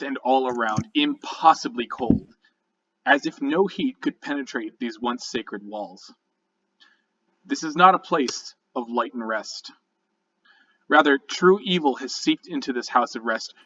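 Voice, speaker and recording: A man working as game master, narrating a dark tabletop adventure in an ominous, deliberate storytelling manner. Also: medium pitch, far from the mic, muffled recording.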